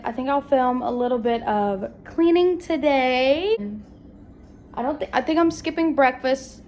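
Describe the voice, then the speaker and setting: A young woman talks casually to her phone camera at home, rambling from one family story to the next. Her voice sits a little high, and a faint hum of the house is heard behind her. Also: a little mellow. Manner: chatty, rambling, southern-tinged "y'all". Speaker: family vlogger. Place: at home indoors.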